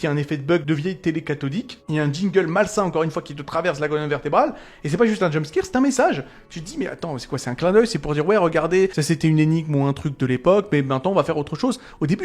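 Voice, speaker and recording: Fast-talking excited man. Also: a little high. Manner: enthusiastic, chatty, addresses viewers directly. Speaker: video essay host. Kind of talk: casual video game analysis.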